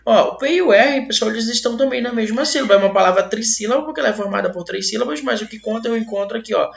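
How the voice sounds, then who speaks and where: Brazilian male teacher, lively questioning style, gravelly voice, echoey lo-fi room sound. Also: sits high, rapid-fire. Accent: Brazilian Portuguese. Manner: lively, asks questions and answers them himself. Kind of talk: online grammar lesson. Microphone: laptop mic. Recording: roomy, dull lo-fi webcam audio.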